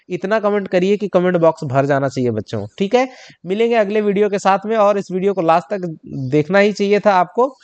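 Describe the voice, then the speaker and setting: A man teaching students, going through exam questions one by one, addressing them directly and repeating each answer. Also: high-pitched.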